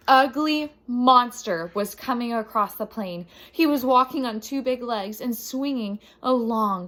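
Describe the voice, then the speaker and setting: Her voice a little high, a woman narrates a children's chapter book with dramatic flair, animated energy, and deliberate stress on key words.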